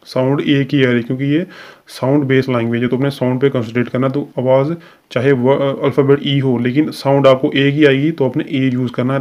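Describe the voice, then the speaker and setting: A man talks through a recorded lesson in a steady, unhurried teaching manner. His pitch sits in an ordinary middle range but barely moves, so his delivery stays even and level. He pauses with small fillers as he explains each step. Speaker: shorthand teacher.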